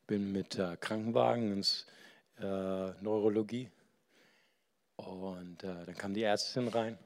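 Male preacher, gravelly voice, conversational storytelling sermon, swings between hushed and loud. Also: on the low side, slow pace. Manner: swings between soft near-whispers and loud, animated telling; conversational, asks the listeners questions.

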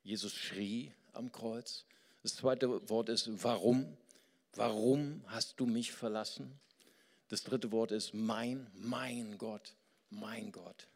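An older man from the Rhineland with a Rhineland German accent, preaching a sermon and swinging between hushed and loud emphatic passages. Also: fairly low pitch, fairly even intonation, takes it slowly. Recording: long hall reverb.

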